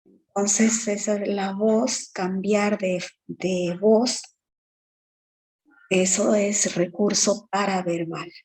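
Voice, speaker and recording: A woman teacher giving an exam-prep lecture, explaining slowly with many fillers and tag questions. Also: mid-range voice, fairly even intonation, a little mellow, poor audio.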